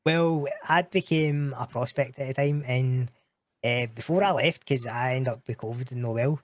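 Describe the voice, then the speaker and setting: A man's voice: mid-range voice, normal speed, no room sound. A man telling stories in a casual interview chat, swearing freely with frequent laughing asides. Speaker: guest.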